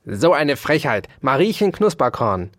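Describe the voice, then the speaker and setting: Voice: mid-range voice, very animated, normal speed, no echo, clean studio sound. Narrator doing Ambrosius, a fat cranky hamster. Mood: indignant. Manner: blustering, snapping and scolding. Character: fat fussy irritable male hamster.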